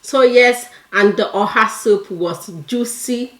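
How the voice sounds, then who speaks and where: A woman's voice: fairly high pitch, slow pace, fairly bright tone. A woman with a Nigerian accent, a food vlogger chatting casually to viewers and repeating phrases for emphasis. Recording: echoey room.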